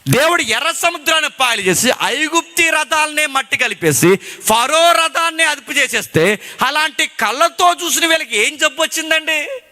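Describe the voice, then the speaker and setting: A man's voice: very high voice, animated, moderate pace, pushed and bright. A man preaching a sermon with passion, often putting questions to his listeners. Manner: impassioned, rhetorical questions to the congregation. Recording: long hall reverb.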